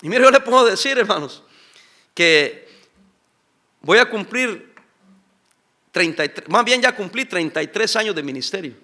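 A man's voice: high-pitched, lively intonation, normal speed, long pauses, pushed and bright. A middle-aged man, a pastor preaching a sermon and asking his congregation for responses. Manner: preaching with call-and-response questions.

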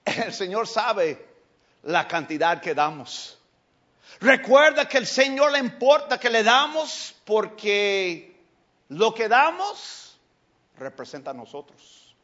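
A male pastor preaching a sermon, telling stories in an animated way and breaking into shouts. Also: high voice, slow pace, muffled recording.

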